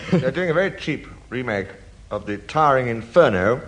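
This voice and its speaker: A man on a comedy panel, cracking quick quips and echoing sung drill orders. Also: mid-range voice, animated. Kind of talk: witty panel answers and mock-opera echoes.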